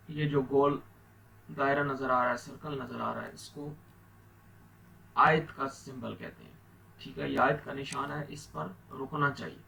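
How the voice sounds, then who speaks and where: A man's voice: medium pitch, creaky, bright, forceful tone, a little hiss or hum. A man with an Urdu accent teaching Quran reading, explaining patiently and repeating points for emphasis. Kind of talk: explaining lesson.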